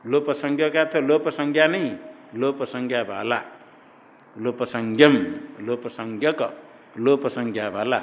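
A man lectures on grammar at a middling pitch, posing questions to his class and answering them himself while repeating each term. His voice carries a long reverb, as if recorded in a large hall. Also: a little slow. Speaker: Sanskrit grammar teacher.

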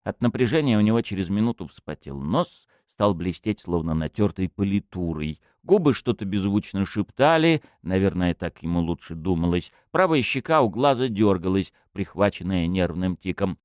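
Male audiobook narrator, low voice, lively intonation, smooth tone, dry close mic. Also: normal speed, few pauses, no room sound. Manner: expressive storytelling.

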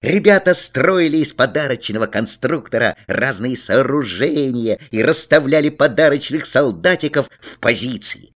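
A man narrating a children's story with an expressive delivery. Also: mid-range voice, moderate pace, hardly any pauses. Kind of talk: storybook reading.

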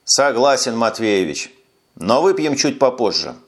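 A man's voice: mid-range voice, lively intonation, normal speed, close to an everyday voice. A man voicing a tired, sarcastic police lieutenant who speaks curtly in an audiobook. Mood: weary. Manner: sarcastic, curt. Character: weary sardonic male police lieutenant.

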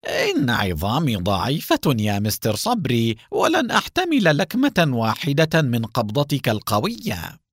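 A man voicing a menacing enemy spy chief in a storybook reading, who shouts angrily. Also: mid-range voice, wildly swooping pitch, moderate pace, husky, no echo, clean studio sound. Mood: trembling. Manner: angry, shouting insults.

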